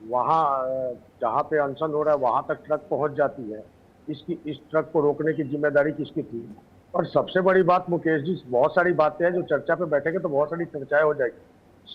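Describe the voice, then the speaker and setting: A man speaks as a guest on a televised debate panel, laying out pointed questions in a measured way. His voice sits a little high. The sound is dull and lo-fi, as from a remote connection. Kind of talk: political debate.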